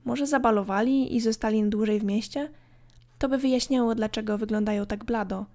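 A woman narrating a scripted horror story in a calm, measured way. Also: fairly high pitch. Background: faint background music.

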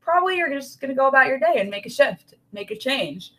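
Woman on a podcast, kinda high voice, super animated, acts out worried thoughts. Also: fast, poor audio. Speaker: guest expert on child anxiety. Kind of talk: podcast interview.

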